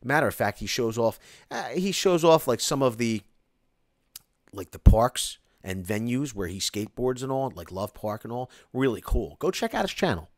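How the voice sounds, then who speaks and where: At a normal pace and in a mid-range voice, a live stream host reads viewer comments, rambling excitably with frequent restarts and "like." The close mic at home delivers a dry, studio-quality recording.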